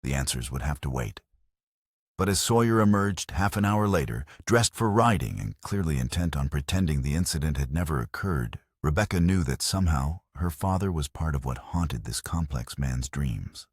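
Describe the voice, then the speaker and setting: A man narrating a western story in a slow, measured storybook reading. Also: rumbling low, animated, breathy edge, no room sound, clean studio sound.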